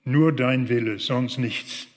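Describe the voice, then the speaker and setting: A man's voice: medium pitch, slow. Earnest preacher man in a reverberant hall. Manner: earnest, swells loud on key phrases, drops soft on prayers. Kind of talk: sermon.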